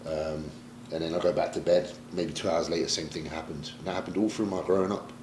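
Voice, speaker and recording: A man's voice: deep voice, steady tone, brisk, background noise. A man from Britain, a pro bodybuilder, talking candidly and emotionally in a sit-down interview, swearing casually as he reflects. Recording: roomy echo, faint ambience.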